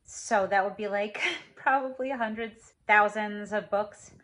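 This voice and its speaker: A woman's voice: medium pitch, unhurried, fairly bright tone. A middle-aged woman talking casually in a video diary about a book she is reading, thinking aloud as she goes. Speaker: vlogger's mother.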